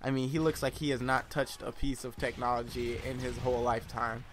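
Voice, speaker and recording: A young man telling a story in a casual, rambling way, animated with lots of fillers and laughing often. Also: mid-range voice, fairly quick, slight background noise. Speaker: vlogger.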